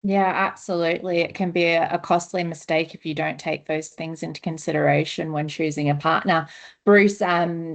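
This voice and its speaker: A woman moderating a panel discussion, putting questions to the speakers in a conversational way. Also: sits low.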